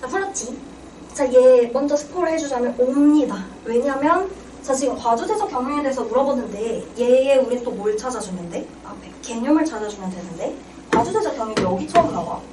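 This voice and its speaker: A woman's voice: high-pitched, animated, fairly quick. A young woman giving an exam-prep reading lecture, quizzing her students and answering her own questions. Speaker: Korean reading tutor. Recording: roomy, distant mic with clear background noise.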